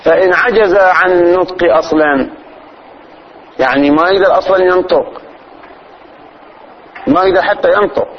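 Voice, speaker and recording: A man, teaching religious law as a sheikh. He explains slowly, repeats phrases and demonstrates pronunciation. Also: sits high, dull audio, a little hiss or hum. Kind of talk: religious lesson.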